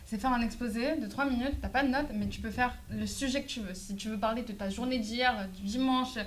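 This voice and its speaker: Teen girl student rambling in an interview, lots of filler words, higher voice. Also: fairly quick, a little hiss or hum. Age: teens. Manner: chatty, many fillers and restarts. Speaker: high school student interviewed. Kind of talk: casual interview answers.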